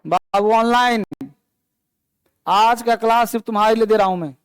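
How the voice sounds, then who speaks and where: A clear, resonant, high voice with no echo belongs to a man leading an online English grammar lesson at a moderate pace. He patiently explains in a Hindi-English mix, calling his students beta and babu.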